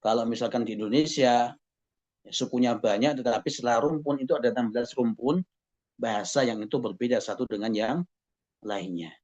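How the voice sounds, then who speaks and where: A male lecturer at a middle pitch, talking a class through the material one point at a time. He keeps checking in with a quick "ya" and throws out rhetorical questions to the room. The recording is dull and lo-fi. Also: a little mellow. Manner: explains step by step, often adds a questioning "ya" and asks rhetorical questions. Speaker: university lecturer.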